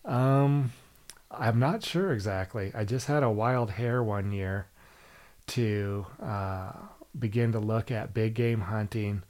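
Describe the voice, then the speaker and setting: A man's voice: fairly low pitch, slow, a little mellow. A man from Minnesota speaking as a guest in an easygoing, slightly hesitant way. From Minnesota, USA. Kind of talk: casual conversation.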